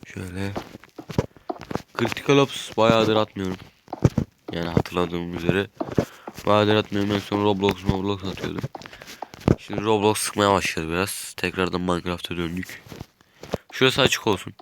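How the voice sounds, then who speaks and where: A man's voice: deep voice, steady tone, moderate pace, long pauses, background noise. A man with a stuffy nose chatting casually as he narrates his game while building, thinking aloud. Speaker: gaming YouTuber. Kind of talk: casual gameplay commentary.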